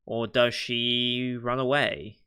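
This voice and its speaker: In his anime reaction, a man who is not a native Japanese speaker offers laid-back commentary, wondering aloud what the characters will do and sometimes laughing gently. His mid-range voice is smooth and flat, and his pace is slow.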